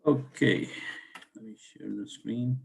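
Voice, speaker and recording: A man leading an informal online class, speaking haltingly as he thinks aloud. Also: lowish voice, steady tone, creaky. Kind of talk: informal online lesson, chatting with students.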